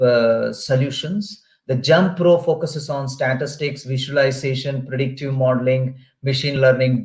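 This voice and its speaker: A man with an Indian English accent giving an online webinar lecture in a steady, explaining way with many fillers. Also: mid-range voice, echoey room. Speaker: guest lecturer. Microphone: video call.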